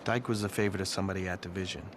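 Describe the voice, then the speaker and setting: A man's voice: deep voice, fairly even intonation, racing, noisy background, close to an everyday voice. An actor playing a reflective American army sergeant, narrating his war memories in a scripted drama. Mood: reflective, measured. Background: music.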